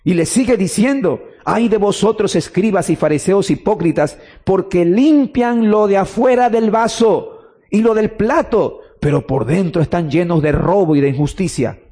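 A man's voice: sits high, moderate pace, dark tone, husky. A man preaching a sermon with emphasis, repeating key phrases and putting questions to the listener.

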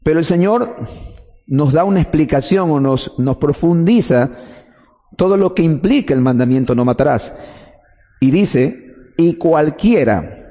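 A man's voice: a little high, expressive, measured pace, long pauses, warm tone, big-room sound. A man preaching a teaching sermon, explaining step by step and answering his own questions.

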